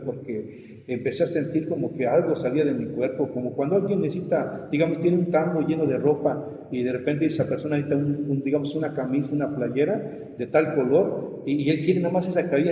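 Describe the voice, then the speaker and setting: A male pastor telling his testimony in a conversation, acting out the voices of the people in his story. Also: a little high. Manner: animated storyteller, acts out his own cries and quoted voices. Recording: muffled, echoey room with long reverb.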